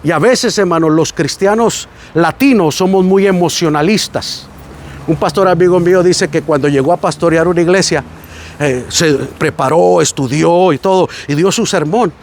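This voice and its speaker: A man's voice: a little high, moderate pace, slight background noise. A man with a Mexican Spanish accent, preaching a sermon on a site visit and telling stories that act out the voices he quotes. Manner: animated storytelling, acting out quoted voices. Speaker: pastor.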